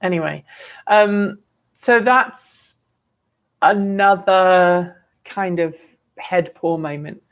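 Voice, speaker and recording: A woman's voice: lowish voice, extremely slow, pauses often, narrow, tinny audio. Chatty English woman, exasperated asides. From England. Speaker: host of an electric vehicle show. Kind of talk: casual live-stream chat answering comments.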